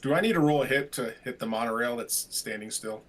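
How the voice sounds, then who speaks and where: A man's voice: mid-range voice, quick pace, fairly bright tone. Casual man playing a tabletop game. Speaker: player.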